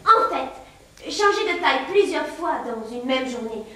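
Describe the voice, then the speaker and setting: A woman's voice: high voice, lively intonation, a little slow, bright, forceful tone, heavily acted. A woman playing a polite, confused little girl who keeps changing size, speaking formally. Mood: polite puzzled. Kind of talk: stage play acting. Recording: echoey hall, mic far off, faint noise.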